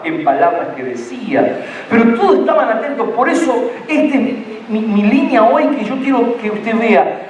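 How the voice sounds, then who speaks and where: A man's voice: very high voice, slight background noise. A middle-aged man, preaching a sermon as pastor, earnest and full of repeated words and restarts. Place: church sanctuary. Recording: echoey church hall, distant mic.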